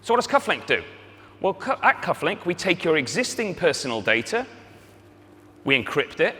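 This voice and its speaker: A man's voice: fairly high pitch, fairly bright tone. A man with a North Wales accent giving a live business presentation as a company founder, addressing the audience directly. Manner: rhetorical questions and wry asides to the audience. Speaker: company chief executive and co-founder giving a pitch. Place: indoor hall at a demo day event. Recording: echoey hall, noisy live event.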